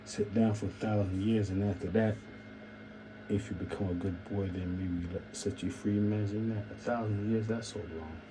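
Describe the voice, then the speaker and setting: A man's voice: lowish voice, fairly even intonation, normal speed, background noise. A man hosting his own channel, rambling through a half-joking solo commentary and repeating himself with musing asides. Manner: repetitive, musing, keeps saying "imagine that". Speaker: channel host.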